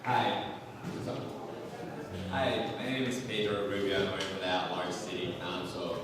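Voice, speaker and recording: A young man from Washington DC introducing himself as a candidate at a forum, earnest and halting with fillers. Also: sits low, level tone, over a noisy crowd. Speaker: political candidate. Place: community center hall. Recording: echoey hall, from far off.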